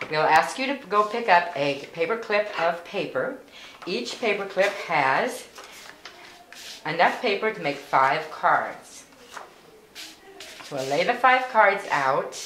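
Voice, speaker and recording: Low-voiced lady explaining card making slowly, echoey room, bit of background hiss. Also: a bit bright. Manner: patient, plain instructions with fillers. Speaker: volunteer instructor. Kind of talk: step-by-step craft demonstration. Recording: echoey room with faint noise.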